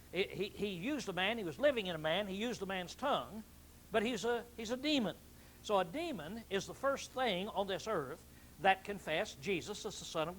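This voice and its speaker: A male preacher teaching a sermon in a conversational way, often clearing his throat and restarting phrases. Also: high-pitched, fairly bright tone, slight background noise, poor audio.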